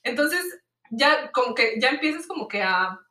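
A woman's voice: sits high, normal speed, roomy sound, recorded from a distance. A woman telling travel anecdotes in a casual chat, full of fillers. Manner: animated anecdotes with many fillers. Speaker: storyteller in a chat.

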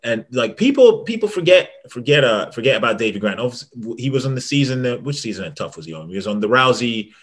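A young man on a casual podcast, talking about fights in an excitable way and stumbling over repeated words. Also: medium pitch, quick pace, hardly any pauses, husky. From England. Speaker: MMA journalist and podcast panelist.

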